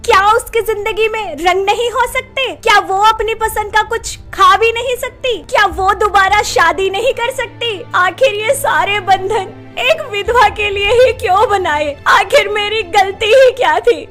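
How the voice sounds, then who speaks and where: A gentle young widow, pleading. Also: female voice, very high voice, measured pace, faint music behind, full character voice. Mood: anguished. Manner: pleading, tearful protest. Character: young widowed daughter-in-law, gentle and wronged. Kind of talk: Hindi cartoon voice acting.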